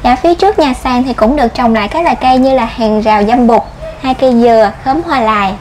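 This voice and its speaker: A woman's voice: a little high, fast, darkish tone, slight background noise, poor audio. Polite woman tour guide outdoors. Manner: formal and polite, starts lines with "dạ". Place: outdoors at a heritage site.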